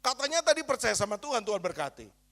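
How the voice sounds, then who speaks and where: High-voiced pastor preaching with rhetorical questions. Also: male voice, very animated, fast, fairly bright tone. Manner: rhetorical questions to the congregation, coaxing and teasing. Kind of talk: sermon.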